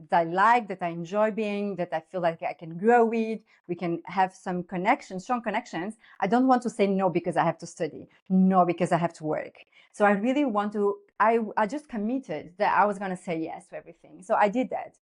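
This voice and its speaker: A woman in her thirties from Portugal with a Portuguese accent, a guest coach explaining her work earnestly in a podcast interview. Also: medium pitch. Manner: earnest, explanatory, with fillers and restarts.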